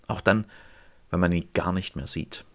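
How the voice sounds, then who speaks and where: Male preacher, sermon, lowish voice, dramatic swings from loud to hushed. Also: steady tone, normal speed. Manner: dramatic swings between loud cries and hushed, near-whispered lines.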